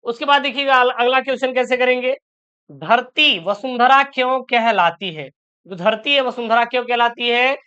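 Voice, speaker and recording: A man teaching an exam-prep lesson, reassuring his students and repeating key answers slowly, often asking and answering his own questions. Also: extremely high pitch, sharp tone, clean tone. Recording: dull lo-fi sound.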